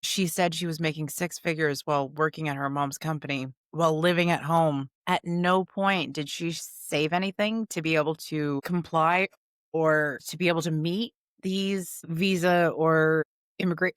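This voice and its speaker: Woman, podcast co-host, hiccups, wry, low voice, dry sound. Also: steady tone, moderate pace, clean tone, dry recording. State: has the hiccups. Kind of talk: casual recap chat.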